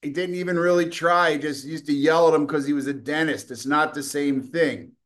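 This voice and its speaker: Hosting a political show, a middle-aged man rips through a combative, profane opinion piece dripping with scorn, with the odd cough. His voice is on the high side, brisk and a bit bright, with fairly even intonation.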